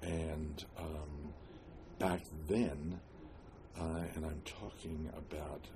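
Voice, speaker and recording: Elderly man, American accent, halting reminiscing, slow delivery, oral history interview, noticeable background noise. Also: a bass voice, fairly even intonation. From New Jersey, United States. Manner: halting, with long pauses and frequent hesitations. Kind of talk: reminiscing, telling life story.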